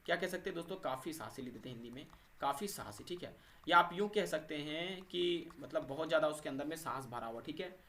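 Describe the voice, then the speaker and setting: In this exam-prep vocabulary lesson, a man teaches English words, posing questions and answering them himself and checking in with viewers after every point by saying "thik hai" and "doston." His voice is fairly high, expressive, quick, and sharp.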